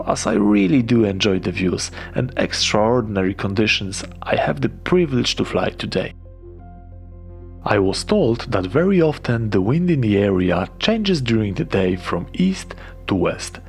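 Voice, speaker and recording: A man's voice: medium pitch, vocal fry. A young man giving an enthusiastic, casual first-person voice-over about his flight, swearing freely now and then. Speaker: paragliding vlogger.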